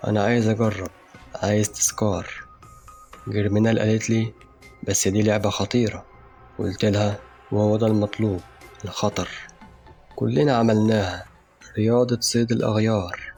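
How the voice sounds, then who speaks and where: Egyptian guy narrating a dark story, low voice, slow and intense, quiet music behind. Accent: Egyptian Arabic. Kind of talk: dramatic first-person story narration.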